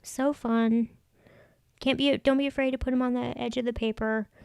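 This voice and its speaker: Clear, higher-voiced woman chatting through crafts. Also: steady tone, normal speed, darkish tone, no room sound, clean studio sound. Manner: chatty, thinking aloud. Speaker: craft vlog host. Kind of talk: casual planner tutorial narration.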